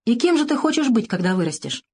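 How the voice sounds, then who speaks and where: A woman reading an audiobook, voicing a kind, calm old male professor of medicine who soothes a child. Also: fairly high pitch, fast, husky, pitched above the performer's own voice, full character voice. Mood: soothing. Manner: gentle, soothing.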